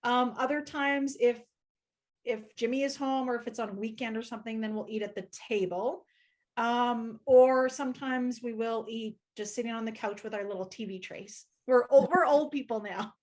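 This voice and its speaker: A middle-aged woman in casual chat, agreeable and quick to laugh, with grown children. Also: on the high side, a little mellow. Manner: chatty, agreeable, laughs often. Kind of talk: casual chat among friends.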